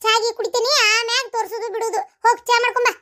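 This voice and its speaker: A woman playing a high, quick, bossy mother-in-law. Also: fairly even intonation, bright, forceful tone. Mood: scolding. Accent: North Karnataka Kannada. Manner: scolding, mocking, bossy. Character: bossy sharp-tongued older mother-in-law. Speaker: comedy sketch performer. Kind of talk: comic family skit.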